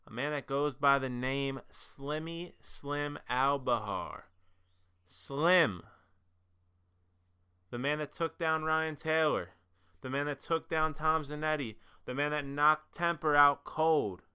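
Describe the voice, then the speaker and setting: A young man talks in a relaxed vlog style, building hype at times and then rambling casually with fillers like "uh" and "um." His voice is bright and forceful, and very clean and crisp. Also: a little high, slow pace. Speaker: influencer boxing commentator.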